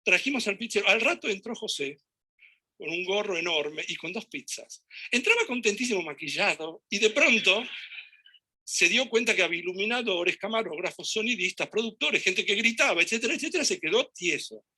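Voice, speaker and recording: A man with a Rioplatense accent tells a story to an audience in an animated, lively way. His voice is rather high and very bright. He keeps acting out conversations and gestures as he talks. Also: fairly quick, husky. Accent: Rioplatense Spanish. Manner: animated, acts out dialogue and gestures while telling anecdotes. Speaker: speaker giving a talk.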